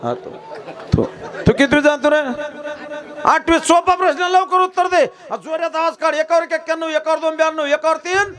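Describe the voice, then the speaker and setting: Brief: high-pitched Marathi preacher teasing a live crowd, songs between jokes, music and audience noise. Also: male voice, normal speed, fairly bright tone. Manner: joking, quizzing the crowd, breaks into song. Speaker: kirtan preacher. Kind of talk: comic devotional kirtan with audience. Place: live stage before a crowd. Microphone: stage microphone. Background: crowd laughter and music.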